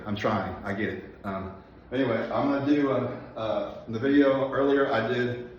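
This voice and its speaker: A man's voice: mid-range voice, slight background noise. Breathless man in his forties in an echoey gym. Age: 40s. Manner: careful, deliberate enunciation with many fillers. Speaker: personal trainer. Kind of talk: casual workout vlog. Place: gym, indoors. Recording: echoey, distant, dull gym recording.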